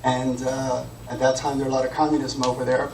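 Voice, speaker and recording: A man's voice: medium pitch, completely flat delivery, fast, darkish tone, slight background noise. A middle-aged man from Austria giving a storytelling campaign speech as a political candidate. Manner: storytelling, with fillers. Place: meeting room. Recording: echoey room from far off.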